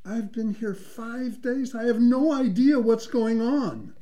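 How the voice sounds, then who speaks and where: A man's voice: extremely high pitch, slow pace, mellow. A man playing a detained widower from Mexico who runs a construction business and sounds bewildered and pleading. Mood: anxious. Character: anxious detained widowed male business owner.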